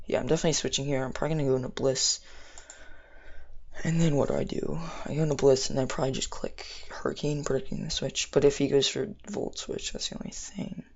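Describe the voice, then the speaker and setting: A man's voice: mid-range voice, flat delivery, fast, creaky, darkish tone, dull audio. A young man giving casual live game commentary, rambling and thinking aloud in slang, with slightly impeded speech as if wearing something in his mouth. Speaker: gamer narrating own battle.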